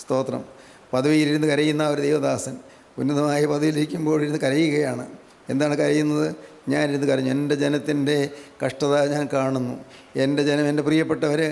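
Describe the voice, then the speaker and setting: An older man preaches a gospel sermon in a gravelly voice that sits a little high. He keeps his pitch level and hammers home his points by repeating phrases. A long reverb trails behind him, as in a large hall. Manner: repeats phrases in a steady, emphatic preaching cadence.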